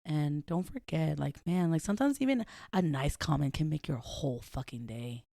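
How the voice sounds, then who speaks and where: A woman's voice: low voice, animated, normal speed, gravelly, warm tone, no echo. A woman co-hosting a casual podcast chat with a sore, dry throat, dropping Spanish words into her talk. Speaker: podcast co-host.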